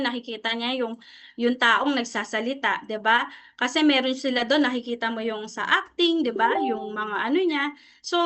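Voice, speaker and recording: A woman's voice: high-pitched, pushed and bright. A middle-aged Filipino woman leading a presentation-skills seminar, mixing Tagalog and English and checking in with her listeners after nearly every phrase. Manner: Taglish, switching freely between Tagalog and English. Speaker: trainer teaching presentation skills. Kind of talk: seminar lecture to a sales team.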